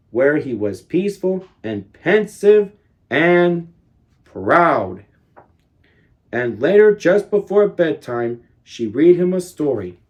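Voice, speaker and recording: Reading a children's picture book aloud, a man in his 30s with a voice on the high side performs expressively, stressing key words for dramatic effect.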